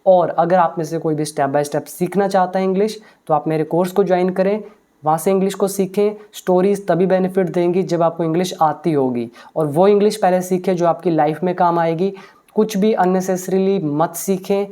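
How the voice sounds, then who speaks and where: A woman teaching English, explaining a story line by line in a mix of Hindi and English. She patiently translates each English phrase and often pauses with hesitation sounds. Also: lowish voice, fairly even intonation, mellow.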